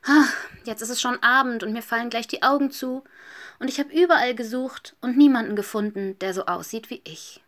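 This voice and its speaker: A woman's voice: fairly high pitch, a little fast, a bit bright, pitched above the performer's own voice, lightly acted. Woman doing a little lonely hedgehog, earnest, kinda plaintive.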